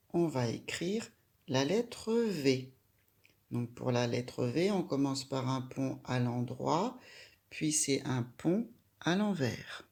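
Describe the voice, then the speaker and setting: A woman guides a young child through a handwriting lesson one stroke at a time. She speaks at an extremely unhurried pace, leaving plenty of room between simple instructions. Her voice has a noticeable gravelly fry. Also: a bass voice, mellow. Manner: patient, addresses the child directly with simple instructions. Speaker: handwriting teacher.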